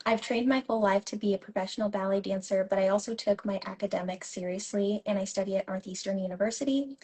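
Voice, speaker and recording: A ballet dancer and teacher in her twenties from San Jose, California, talks earnestly as a guest in a casual interview, sometimes reading from notes. Her medium-pitched voice is fast with a darkish tone.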